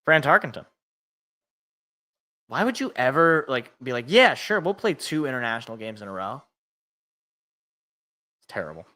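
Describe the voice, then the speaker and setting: A man's voice: medium pitch, sing-song, normal speed, pauses often, sharp tone. A man in his twenties, co-hosting a live football reaction stream, calling plays and joking with viewers in a self-deprecating way. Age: 20s. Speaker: sports podcast co-host. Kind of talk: live game reaction and play-by-play.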